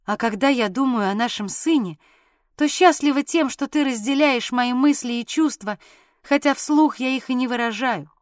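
A woman voicing a gentle, earnest young mother in an audiobook. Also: a little high, normal speed, dry recording, clean studio sound, lightly acted. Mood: earnest tender.

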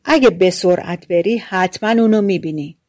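A woman reading the lines of a crafty, smooth-talking peasant man in a storybook fairy tale, in a sly, placating way. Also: on the low side, darkish tone, no room sound, clean studio sound, natural voice.

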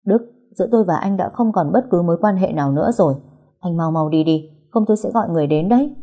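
A woman reads out a desperate young woman in an audio story, who cries out and begs through tears. The voice sits lowish and mellow with a husky edge. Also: quick pace. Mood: alarmed, firm. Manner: shouts and pleads tearfully.

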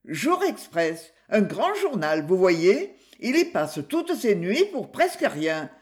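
A reader voicing a flustered older widow who pleads in a higher, quavering voice. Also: very animated, takes it slowly.

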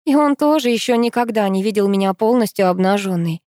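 A woman reads a first-person romance audiobook in a soft, intimate way. Her voice is mellow and warm, recorded close on a dry, deadened mic. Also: mid-range voice, animated, fairly quick, no room sound. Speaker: audiobook narrator.

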